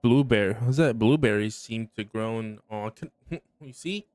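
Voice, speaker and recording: A man reading aloud the lines of a weary, dutiful male worker out in the woods, in a measured, plain way. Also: fairly low pitch, darkish tone, no echo, lightly acted. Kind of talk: reading game dialogue aloud.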